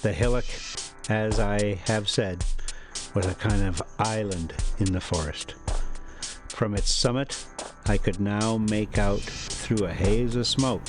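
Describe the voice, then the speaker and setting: A man with a fairly low voice and slow pace hosts and tells stories in an informal, folksy, lightly profane way. He shifts between casual chat and reading a classic novel aloud, with music playing behind him.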